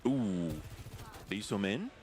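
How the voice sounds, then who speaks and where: Calling a pro esports game with a co-caster, this man mixes lively analysis of the action with banter. He speaks slowly in a lowish voice, and there's a faint hiss or hum on the recording.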